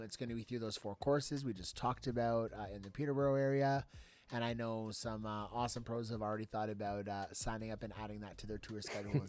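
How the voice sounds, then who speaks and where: Upbeat chatty host, mid pitch. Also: male voice, a bit bright. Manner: upbeat, chatty, laughs easily. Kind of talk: casual livestream hosting.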